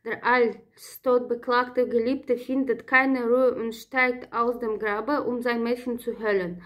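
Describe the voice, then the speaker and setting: A woman with a fairly high voice reads a prepared lecture from her notes. She stops often on filler sounds and corrects herself partway through words. Her delivery stays steady and lecture-like. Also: measured pace. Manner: reads from notes with frequent "äh" hesitations and self-corrections. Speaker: presenter of a literature talk. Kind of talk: read-aloud lecture.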